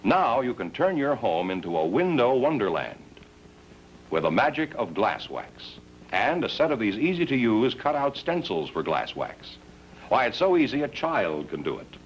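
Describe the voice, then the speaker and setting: A man announcing a cheerful 1950s TV commercial voice-over with an upbeat sales pitch, heard through old broadcast sound. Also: sing-song, moderate pace. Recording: dull lo-fi old TV audio with faint hum.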